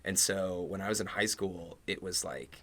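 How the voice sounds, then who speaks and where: A man's voice: low-pitched, steady tone, moderate pace, pushed and bright. A young man from Georgia in the US, a band member chatting casually in a radio interview and rambling with lots of filler words. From Georgia, USA. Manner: rambling, heavy use of "like". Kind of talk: casual chat.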